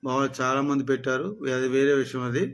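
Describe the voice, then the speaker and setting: A man's voice: medium pitch, monotone, quick pace. A man delivering a mocking, scolding political rant aimed at a rival. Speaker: political commentator.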